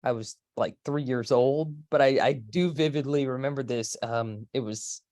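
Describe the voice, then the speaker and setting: A woman's voice: very deep voice, moderate pace, warm tone, no room sound. Chatty woman in her forties, dry sound. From Florida, USA. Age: 40s. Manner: chatty, rambling storyteller. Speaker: space historian guest. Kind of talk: casual interview.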